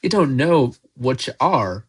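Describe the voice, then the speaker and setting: A man reading aloud, voicing a big, gruff but kindly giant groundskeeper who talks in loud, folksy outbursts. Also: mid-range voice, very animated, measured pace. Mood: gruff, exasperated.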